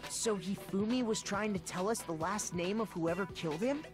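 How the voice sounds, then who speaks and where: A woman plays a determined teenage boy from an anime game. The voice sits in a middle register, earnest and deliberate, with music clearly underneath. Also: mid-range voice, natural voice.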